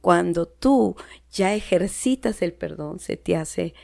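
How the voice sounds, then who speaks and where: A woman's voice: on the low side, animated, takes it slowly, gravelly, a little mellow. A woman with a Peruvian Spanish accent giving an earnest personal testimony in conversation, often dropping to a near-whisper. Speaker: podcast guest. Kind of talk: personal testimony in casual chat.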